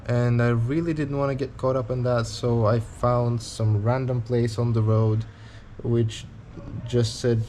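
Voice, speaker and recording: A touring cyclist in his twenties vlogs to camera about his travels, rambling candidly and speaking his mind bluntly. His middle-pitched, dark-toned voice is unhurried, with little pitch movement and hardly any pauses. A faint hiss sits underneath.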